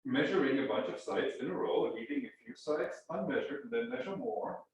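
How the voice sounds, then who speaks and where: A man's voice: mid-range voice, animated, fairly quick. A man in the audience asking a speaker persistent, probing questions. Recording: distant, very echoey room mic with faint noise.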